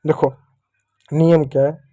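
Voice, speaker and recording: A man's voice: fairly high pitch, little pitch movement, unhurried, warm tone, no room sound. A male teacher giving an online lesson to young children. He patiently drills each point and asks questions that he answers himself. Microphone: writing with a digital pen while talking.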